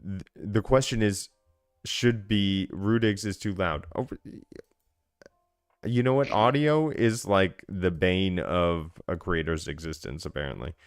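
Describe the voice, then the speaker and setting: Brief: low, resonant male co-host, rambling gaming chat. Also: measured pace, clear, resonant tone. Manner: chatty, self-deprecating, rambling with fillers. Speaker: podcast co-host. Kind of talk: casual gaming podcast chat.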